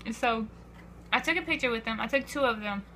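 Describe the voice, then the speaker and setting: A teenage girl telling an excited vlog story, breathless and full of "I was like", acting out quotes. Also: fairly high pitch, fairly quick, a little hiss or hum. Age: teens. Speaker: vlogger.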